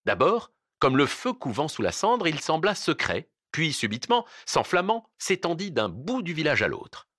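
A man reading a novel aloud with expressive, dramatic narration. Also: a little high, normal speed, hardly any pauses, dry recording, clean studio sound. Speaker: audiobook reader.

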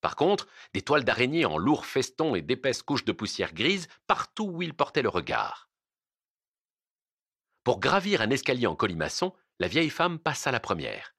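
A man narrating an audiobook in an expressive, dramatic reading on a close mic. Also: medium pitch, no echo.

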